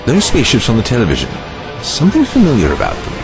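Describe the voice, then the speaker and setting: A man's voice: medium pitch, wildly swooping pitch, fast. A man with a British accent acting a courtly, distracted time traveler in an audio drama, theatrical and inquisitive. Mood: curious, courtly. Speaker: actor. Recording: loud music bed behind the voice.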